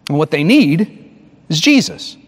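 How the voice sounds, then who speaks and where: A man preaching a sermon as pastor, emphatic, often restarting phrases and slowing down to stress a point. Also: on the high side, big pitch swings, slightly rough. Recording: long hall reverb.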